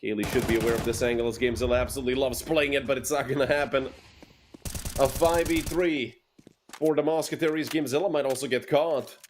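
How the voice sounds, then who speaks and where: Guy casting an esports match solo, quick calls and dry little asides, mid-pitched voice. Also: steady tone, slight background noise. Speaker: esports caster. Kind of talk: solo play-by-play commentary.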